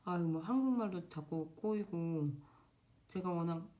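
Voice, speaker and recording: A young woman talking casually to camera at home, quick and loose with many fillers and restarts. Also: on the low side, warm tone. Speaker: Korean doctor in Germany giving exam advice. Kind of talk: casual unscripted vlog talk. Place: home, indoors. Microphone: camera facing speaker.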